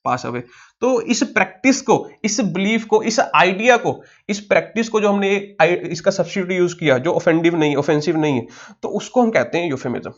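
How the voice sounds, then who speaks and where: A man with an Indian accent teaches vocabulary for exam prep. His voice sits high, and he keeps asking himself questions and then answering them. The recording sounds dull and lo-fi. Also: expressive. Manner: spells words slowly letter by letter. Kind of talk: online exam-prep lesson.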